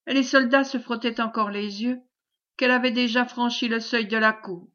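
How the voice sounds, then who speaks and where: A woman's voice: a little high, fairly bright tone, lo-fi sound. Woman reading a classic novel aloud. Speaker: audiobook reader. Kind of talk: audiobook narration of a classic novel.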